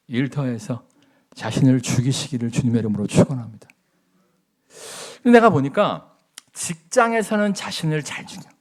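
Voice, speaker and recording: A man's voice: fairly high pitch, darkish tone. A middle-aged man preaching as a pastor, telling stories with folksy humor and acting out the quotes in his sermon.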